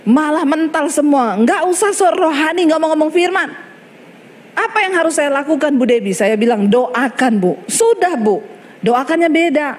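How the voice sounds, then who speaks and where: A high-voiced woman pastor preaching in a large church hall, her voice trailing off in long reverb. She delivers a lively sermon and acts out bits of dialogue with sudden pitch shifts. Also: slightly rough.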